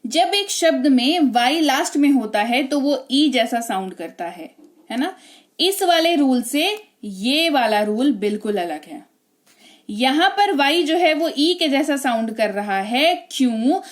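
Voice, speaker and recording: A woman's voice: high voice, big pitch swings, slow pace. An Indian-accented woman teaching English spelling rules, chatty and often checking in with tag questions. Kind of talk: spelling lesson explaining rules.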